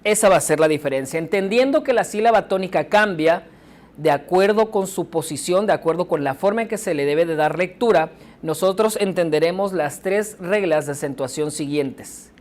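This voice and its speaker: A woman teaching a recorded spelling lesson, speaking slowly and clearly, breaking words into syllables and repeating each rule. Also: fairly low pitch, a little mellow.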